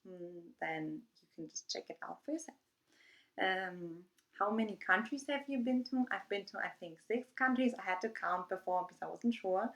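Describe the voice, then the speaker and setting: A woman's voice: medium pitch, animated, moderate pace, a bit bright. A young woman from Germany with a German accent, chatting casually in her first vlog and reading prepared answers from her phone. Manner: rambling, chatty, with frequent fillers. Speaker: YouTuber. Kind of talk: casual get-to-know-me vlog.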